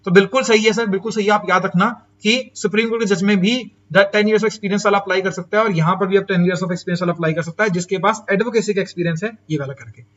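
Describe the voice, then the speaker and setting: High-voiced chatty Indian lecture teacher. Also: male voice, fairly even intonation, a bit bright, highs cut off. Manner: chatty teacher, asks and answers his own questions, says "sir" and "bhaiya"; mixes in English phrases, drawls key terms slowly. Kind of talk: exam-prep lecture.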